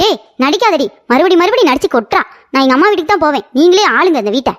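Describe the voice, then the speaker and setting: A woman voicing a sharp-tongued young wife in a cartoon, answering back quickly. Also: sits high, expressive. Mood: indignant. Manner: mouthy, quick retorts.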